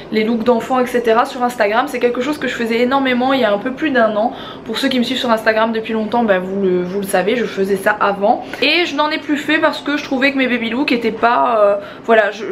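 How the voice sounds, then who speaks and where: A woman's voice: on the high side, noisy background. A woman in her twenties with a slight lisp and slushy sibilants, chatting casually to a handheld camera as a vlogger at home. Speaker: family vlogger. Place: small room at home. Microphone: camera held at arm's length.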